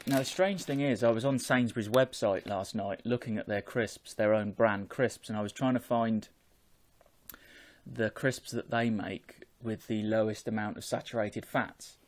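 A man, talking in a measured, explanatory way as a vlogger chatting casually on an earphone microphone at home. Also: lowish voice, steady tone. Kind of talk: casual chat to camera. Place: small home room with bookshelves.

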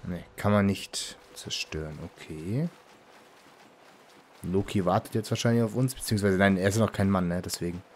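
Relaxed man mumbling game commentary. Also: deep voice, moderate pace, slight background noise. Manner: relaxed, muttering asides to himself. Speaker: let's play host. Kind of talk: casual gameplay commentary.

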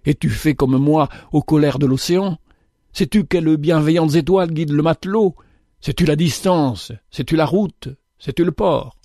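A man playing a gentle stranger captain who urges others to sail with him, in an imploring manner. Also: a little high, normal speed, no echo, clean studio sound. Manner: urgent, imploring. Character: pleading stranger, a gentle male ship captain.

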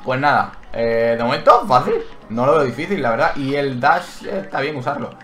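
Excitable man playing a game. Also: medium pitch, moderate pace. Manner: excitable, yelps and cries out when hit; thinks aloud, reads menu text aloud. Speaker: gaming channel host. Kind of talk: Let's Play commentary. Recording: roomy echo with game music behind.

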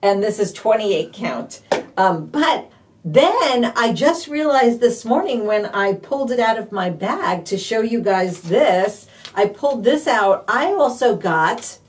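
An excitable woman walks viewers through store deals in a bubbly, filler-heavy live stream. Her voice sits a bit high and sounds picked up from some distance away. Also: slow. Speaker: couponing show host. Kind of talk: live-streamed deal rundown.

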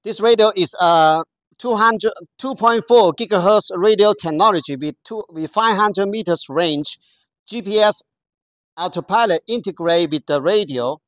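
A product demonstrator walks through a product in careful, halting English that isn't his or her native language, pausing often to find words. The voice is medium-pitched, with no echo.

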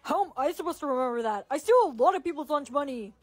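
A cocky teenage school bully, played by a woman in a comedy skit, smug and careless. The voice is very high for a boy. It has a soft hint of music behind it. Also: expressive, fast.

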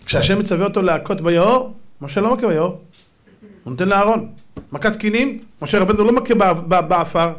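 A man giving a fiery sermon as a rabbi, dramatic, swinging between shouting and hushed asides, with an Israeli Hebrew accent. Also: high-pitched, expressive.

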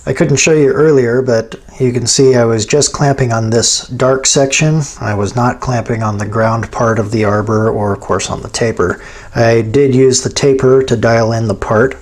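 A man's voice: medium pitch, steady tone, normal speed, a little mellow. A man hosting a machining tutorial, explaining hands-on steps in an informal, folksy way. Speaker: host of a machining how-to channel. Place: home machine shop, indoors at a lathe.

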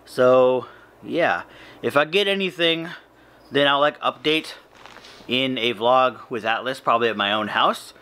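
A man in his thirties, vlogging casually in a small hotel room late at night, talking slowly and rambling with lots of fillers because he is very tired. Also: mid-range voice, sharp tone, smooth. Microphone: handheld camera close to face.

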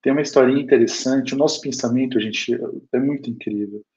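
With a Brazilian Portuguese accent, a Brazilian man gives a spiritist lecture, telling a personal story with sincere emotion and often speaking directly to the audience. His mid-range voice is fairly quick and a little mellow, on a dull lo-fi recording.

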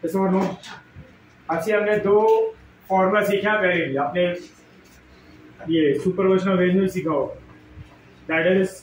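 Indian guy teaching physics, kinda high voice, far from the mic, quizzing the class. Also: unhurried, long pauses, slight background noise. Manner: quizzing students, repeating questions. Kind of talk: classroom lecture mixing Hindi and English. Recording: echoey room, mic at a distance.

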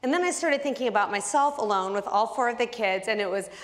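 A woman with a somewhat high voice teaches a Bible lesson through a personal story. She tells it with animation and acts out each bit of dialogue. Her voice carries a long reverb tail, as if recorded in a large hall. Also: fast talker.

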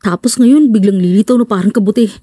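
A shrill, effeminate male manager bullies his staff and then grovels to his boss, as a woman narrator puts him on. The sound is mellow and dry, read close for an audiobook. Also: quick pace, breathy edge, no room sound, close to an everyday voice. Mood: fawning. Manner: shrill, scolding, then fawning. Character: effeminate bossy male print-shop manager.

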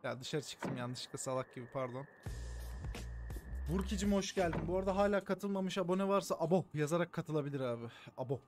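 A man's voice: fairly high pitch, lively intonation, a little fast, over music. A man streaming a game live, joking around, swearing often and thanking his viewers by name. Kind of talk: live gameplay commentary.

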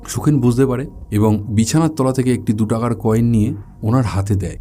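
A man tells a first-person ghost story in an easy, conversational manner, now and then dropping in English words. His voice is mellow and warm, at an ordinary middle pitch. Faint music plays underneath. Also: fairly quick.

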